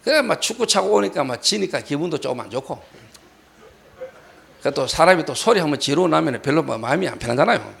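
A male pastor telling a personal story in a sermon and acting out shouted quotes. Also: fairly high pitch, very animated, fast, vocal fry, slight background noise. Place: church hall.

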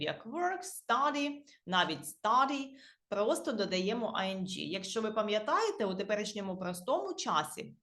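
A woman's voice: mid-range voice, fairly bright tone, roomy sound. A woman with a Ukrainian accent, an English teacher who explains grammar to beginners patiently, spelling out word endings letter by letter.

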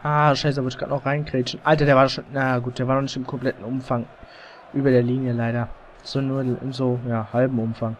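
A man casually commentating his own football video game as he plays, excitable and quick to swear and groan at mistakes, through a slightly overdriven mic. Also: medium pitch, a little hiss or hum. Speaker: let's play gamer. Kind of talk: casual live gameplay commentary. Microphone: headset or desk mic, slightly overdriven.

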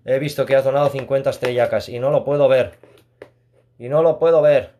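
A man chats casually while streaming a mobile game. He reads his chat aloud, talks warmly to viewers, and laughs often. He is talking a room at home. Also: mid-range voice, fairly even intonation, brisk, a little hiss or hum.

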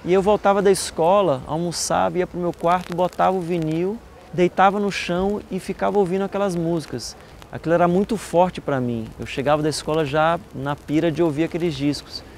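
A man from Salvador, a singer and composer, speaking in a relaxed, reflective way in a documentary voice-over. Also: a little high, brisk, a little hiss or hum. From Salvador, Brazil. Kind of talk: documentary voice-over and on-location talk. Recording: music bed underneath.

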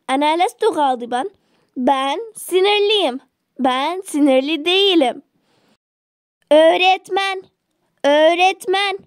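A woman's voice: high-pitched, dry recording, clean studio sound. A woman teaching a language lesson, repeating each word and short example sentences with translations. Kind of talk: slow drilled vocabulary lesson.

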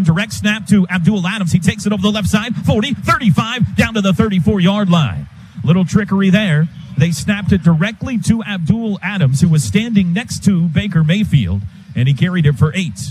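A high-voiced American man gives live radio play-by-play of a football game, talking a little fast on a rough recording. He uses clipped phrases and excited calls that rise with the action, while loud stadium noise roars behind the broadcast.

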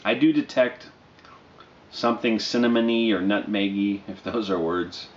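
Low-voiced man, halting, in a roomy recording. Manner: halting, unhurried, low-key. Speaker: pipe tobacco reviewer. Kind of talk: casual product review to camera. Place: small dim living room, indoors. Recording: dull, roomy sound with faint noise.

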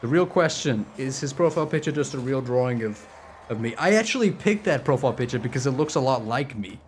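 Young male streamer, twenties, profane and excitable, casual stream commentary. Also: mid-range voice, fast, slight background noise. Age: 20s.

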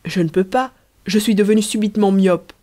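A woman's voice: medium pitch, a little fast, dark tone, close to an everyday voice. A woman reading a wry, witty young husband.

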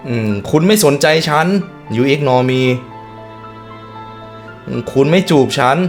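A man hosting a meme reaction video in a chatty, musing way, chuckling as he goes. He talks at an unhurried pace, with soft music in the background. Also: medium pitch. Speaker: host. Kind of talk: casual meme reaction commentary.

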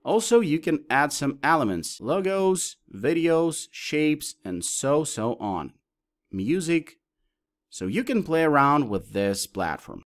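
Lively-voiced man walking through software. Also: a little high, slow pace. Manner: lists options step by step, explaining as he clicks. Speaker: software tutorial presenter. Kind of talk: screen-recorded tutorial walkthrough.

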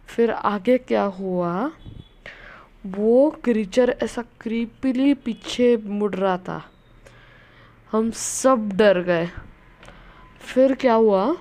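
A woman's voice: a little high, mellow. A woman telling a story in a casual way, often stopping to search for words.

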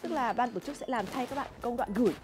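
A woman's voice: on the high side, quick pace. A young woman hosting a vlog, casually explaining things to viewers in an indoor workroom. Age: young adult. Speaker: vlog host. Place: indoor fruit packing workroom. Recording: music behind workroom talk.

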